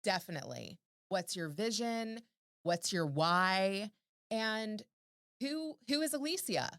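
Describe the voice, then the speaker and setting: A woman guests on a podcast and coaches the listener, stacking up question after question to make her point. Her pitch is a plain middle register. The sound is dry and close, with no room around it. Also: expressive, takes it slowly, fairly bright tone, no room sound. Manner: coaching, fires off strings of rhetorical questions. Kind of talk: casual podcast chat.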